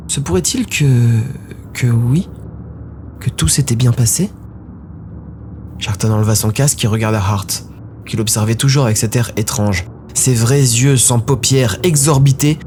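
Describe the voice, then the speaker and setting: A man with a fairly low voice narrates a scripted story dramatically, using short, brooding, suspenseful phrases. There's music behind him and the background is noisy.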